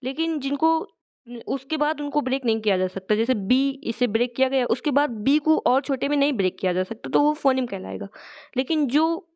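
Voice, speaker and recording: A woman explaining English words in a lesson, speaking Hindi as her first language and reading out English definitions slowly and deliberately. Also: high-pitched, a little mellow, clear, resonant tone. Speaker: vocabulary teacher.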